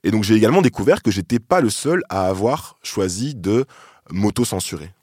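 A low-voiced man from France hosts a podcast, telling a personal story in a calm, reflective way. He pauses on small hesitations as he thinks. The sound is dry and close to the mic. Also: slightly rough, no echo. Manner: reflective, thoughtful, with soft hesitations. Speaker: podcast host.

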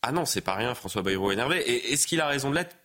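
A man commenting on politics in a talk show debate, halting and full of hesitations as he explains at length. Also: mid-range voice, lively intonation, fairly bright tone.

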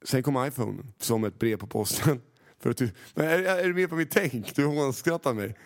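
A man's voice: medium pitch, lively intonation. A man co-hosting a podcast in casual chat, joking and mocking himself, speaking into a handheld mic. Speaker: podcast co-host. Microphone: handheld microphone.

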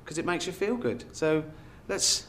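An awkward middle-aged office boss who tries to pep up an audience with forced cheer and fake laughter. His voice sounds bright and fairly high, with a faint low rumble behind it, as in a TV comedy scene. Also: expressive.

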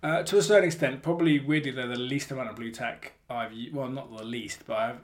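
A man hosting a hobby podcast in a casual, rambling, self-correcting way, recorded in the hallway of a flat. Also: medium pitch, a little fast. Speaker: podcast host.

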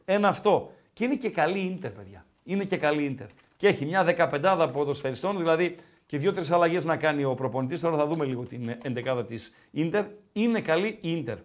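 A man hosting a casual football chat show, animated, reading out viewer messages and often repeating his phrases. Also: a little high. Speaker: podcast host.

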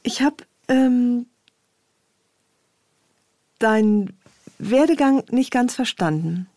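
A woman's voice: a little high, lively intonation, very slow, warm tone, dry recording. Woman host in a dry, close room. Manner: attentive, frequent affirming interjections. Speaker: podcast host. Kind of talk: interview conversation.

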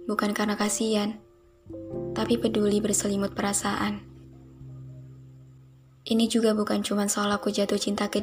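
A young woman hosting a podcast, speaking a slow, soft and heartfelt reflective monologue. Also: mid-range voice. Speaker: podcast host. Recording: music playing behind the voice.

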